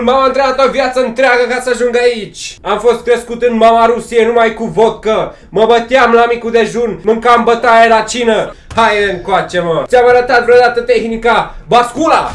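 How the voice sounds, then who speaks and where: [name], a man doing a cocky high-voiced boxer. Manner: taunting, loud, punctuated with grunts. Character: boastful cocky male boxer, brash and mocking. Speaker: VR game player. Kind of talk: comedic in-character gameplay commentary. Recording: roomy echo.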